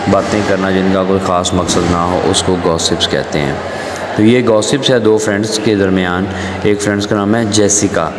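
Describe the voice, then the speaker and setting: A male English teacher who explains dialogues word by word and then reads them aloud with rhythm. His voice is very low and his pace unhurried. It is recorded in an echoey room with a long reverb and faint ambience behind it. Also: background noise. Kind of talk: language lesson explaining dialogues.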